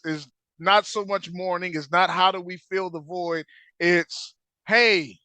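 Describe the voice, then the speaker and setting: High, bright-voiced man ranting on a podcast. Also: no room sound. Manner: loud, profane, animated ranting with slang. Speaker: podcast co-host. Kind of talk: casual podcast banter.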